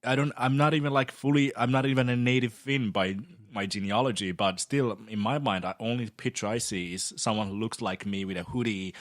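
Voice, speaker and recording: A man's voice: mid-range voice, fairly even intonation, brisk, few pauses, dry recording, studio quality. A man from Finland, a podcast guest talking earnestly with frequent restarts. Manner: earnest, thoughtful, with many restarts. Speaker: guest, local election candidate. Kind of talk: casual podcast chat.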